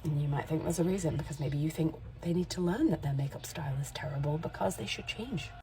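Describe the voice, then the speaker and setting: In a casual vlog aimed straight at the camera, a makeup artist and content creator in her forties talks candidly and rambles a little. Her voice is low-pitched and warm, and she speaks at a quick pace.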